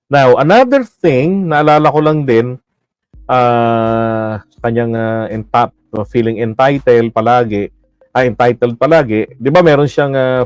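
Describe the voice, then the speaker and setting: A man's voice: mid-range voice, no room sound. A man giving blunt, mocking political commentary in a casual livestream, laughing often and using many fillers.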